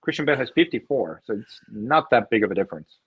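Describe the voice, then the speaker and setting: A man's voice: mid-range voice, sing-song, quick pace, husky, highs cut off. A man co-hosting a casual podcast debate who stammers as he starts his sentences. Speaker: co-host.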